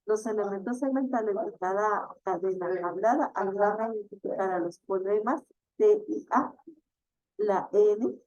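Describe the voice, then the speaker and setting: A woman teacher giving a classroom lecture, explaining slowly, stretching example words and often asking the class "¿verdad?". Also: mid-range voice, warm tone, dry recording, lo-fi sound.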